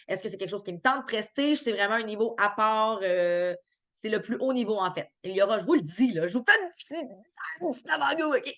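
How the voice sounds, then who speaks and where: A woman with a Québécois French accent, chatty and upbeat, answering viewers' chat questions on a live stream with lots of fillers and restarts. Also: on the high side.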